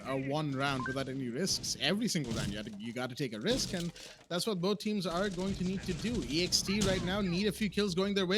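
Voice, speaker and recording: A man doing play-by-play esports commentary who gets excitable and loud when the action picks up. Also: noisy background. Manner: excitable, voice jumps high in big plays. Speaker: esports caster.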